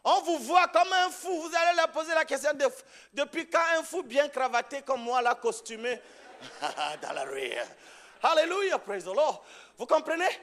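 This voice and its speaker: A pastor preaches in church into a handheld or stand mic, shouting exhortations and then dropping into a low storytelling voice. In this charismatic sermon with testimony, he laughs as he tells his story.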